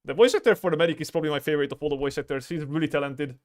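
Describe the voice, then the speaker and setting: A man's voice: fairly high pitch, very fast. A man livestreaming as an artist, chatting casually while he draws, rambling, stammering and swearing freely. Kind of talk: casual chat while drawing on stream.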